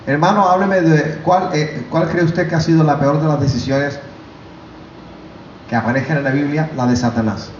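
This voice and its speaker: A man preaching a sermon, fervent, his voice climbing high when he voices God. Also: normal speed, reverberant, dull audio, a little hiss or hum. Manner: preaching, rising to loud fervent pitch when voicing God. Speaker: pastor. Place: church.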